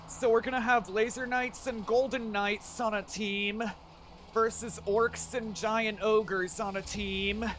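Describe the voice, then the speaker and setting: A man's voice: high voice, fairly bright tone, a little hiss or hum. A man streaming a game, chatting loosely with his viewers and swearing casually as he sets up battles. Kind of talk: casual gameplay commentary.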